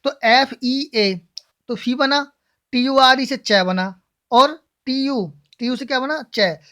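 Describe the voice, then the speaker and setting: A woman's voice: high-pitched, takes it slowly, pushed and bright. A woman teaching English pronunciation in a classroom style. She asks questions and answers them herself, and spells words out letter by letter.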